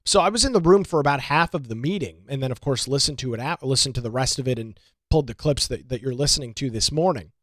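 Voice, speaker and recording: A man's voice: mid-range voice, animated, quick pace, no room sound, clean studio sound. A man hosting solo local political commentary, sarcastic and emphatic, repeating his points for effect.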